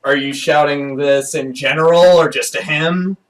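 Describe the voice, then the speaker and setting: A man's voice: fairly high pitch, steady tone, normal speed. A man running a tabletop game as game master, calling turns and ruling on actions with frequent laughs. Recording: distant mic with faint noise.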